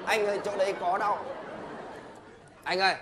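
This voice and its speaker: A man's voice: sits high, flat delivery, moderate pace, a crowd in the background, background noise, natural voice. An actor playing a timid, evasive male patient who pleads and stammers through excuses in a live comedy sketch. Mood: sheepish. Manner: pleading, hesitant, rambling excuses. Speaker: comic actor.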